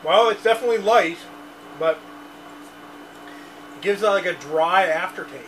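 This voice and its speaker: A man in his thirties co-hosting a casual beer review, goofy and loud, blurting out jokes at a basement bar, picked up by a far camera. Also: high-pitched, moderate pace. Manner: goofy, blurts out lines and song bits. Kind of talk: casual chat. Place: dim basement bar, indoors. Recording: distant camera sound with faint noise.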